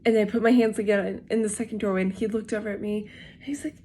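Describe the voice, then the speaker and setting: A young woman tells a personal story straight to her viewers in a casual vlog. Her voice is mellow and warm, at a middling pitch. She rambles along, restarting sentences and leaning on fillers. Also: little pitch movement, fast talker, slight background noise. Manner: rambling, with frequent fillers and self-corrections. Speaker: vlogger.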